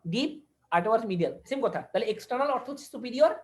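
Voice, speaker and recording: Animated, fast-talking woman lecturer. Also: on the high side. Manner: mixes English terms into speech, repeats key words, quizzes listeners. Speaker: anatomy lecturer. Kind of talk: online anatomy class.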